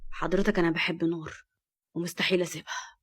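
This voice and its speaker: A woman with an Egyptian accent voicing a nervous young man who speaks hesitantly and softly. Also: little pitch movement, fast talker, breathy edge. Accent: Egyptian Arabic. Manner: hesitant, softer and lower.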